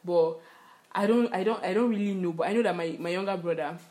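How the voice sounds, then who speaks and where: A young woman with a Nigerian accent, co-hosting a podcast, speaking in a reflective, gently questioning way. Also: fairly low pitch, fairly quick. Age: young adult. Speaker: podcast co-host. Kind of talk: casual conversation.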